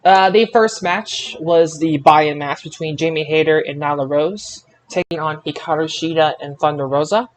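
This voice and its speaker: On a casual podcast, a fairly high-voiced man recaps wrestling results, speaking haltingly and repeating words as he works to recall the details. The audio quality is poor.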